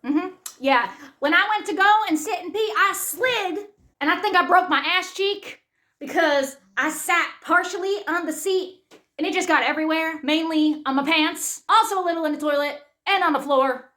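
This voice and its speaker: High, bright-voiced woman telling a comic story. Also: moderate pace. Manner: animated, profane, punchy delivery. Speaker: comedian.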